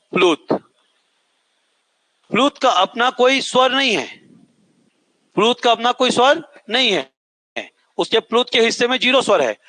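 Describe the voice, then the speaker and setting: A man's voice: high voice, sharp tone, no room sound, poor audio. A man teaching a classroom lesson. He repeats each point, asks the class to say it back, and draws out vowels to show how long they last. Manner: stretches out vowels to show their length. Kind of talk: classroom lecture.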